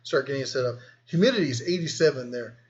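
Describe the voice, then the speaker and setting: A man's voice: medium pitch, lively intonation, fast talker, dull audio. Easygoing man reading viewer comments. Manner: easygoing, rambling, reads comments aloud. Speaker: host. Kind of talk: live-stream chat reading viewer comments.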